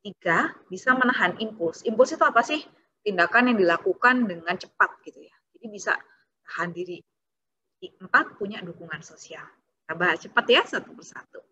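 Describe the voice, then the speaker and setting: A woman's voice: mid-range voice, sharp tone, husky, lo-fi sound. A woman child psychologist giving a parenting seminar talk, explaining step by step and now and then acting out what a child or parent might say.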